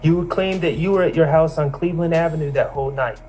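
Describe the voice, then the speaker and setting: A male attorney cross-examines a witness in a courtroom. He asks measured, pointed questions and pins down each answer. His voice sits a little high for a man, and faint music runs under it. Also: darkish tone, low-quality recording. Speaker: defense attorney.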